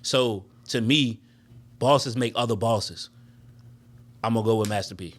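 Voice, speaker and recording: A man co-hosting a podcast, giving deliberate opinions in a casual debate. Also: medium pitch. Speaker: podcast co-host.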